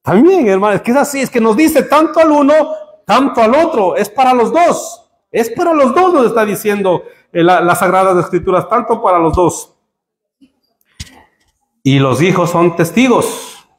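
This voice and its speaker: A man preaching a sermon to his congregation, joking with them and building to emphatic high peaks. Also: animated, moderate pace. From Spain. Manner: humorous, rising to emphatic peaks. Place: church hall. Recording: echoey church hall.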